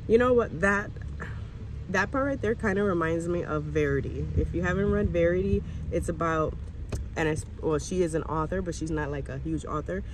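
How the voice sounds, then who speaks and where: Speaking at a moderate pace in a lowish voice, this young American woman vlogs casually to camera from a parked car. Her handheld phone, held at arm's length, records her chatty talk along with faint background noise.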